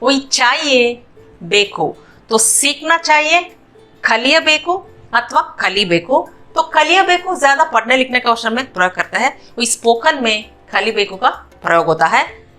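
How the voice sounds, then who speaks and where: A woman's voice: fairly high pitch, lively intonation, unhurried, pushed and bright, soft background music. A woman with an Indian accent teaching a beginners' language lesson, patiently repeating each phrase and drilling word pairs. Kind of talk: slow, repetitive spoken lesson.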